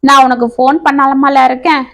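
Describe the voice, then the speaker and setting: A determined young man, read by a woman talks earnestly and reassuringly to the one he loves. The voice is high and bright in this storybook reading. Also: little pitch movement, fairly quick.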